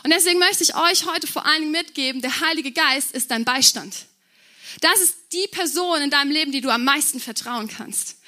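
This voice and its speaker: A young woman preaches to a youth group. Her voice sits high and sounds bright and forward. She talks in a relaxed, chatty way and drops in youth slang. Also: a little fast. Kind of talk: sermon.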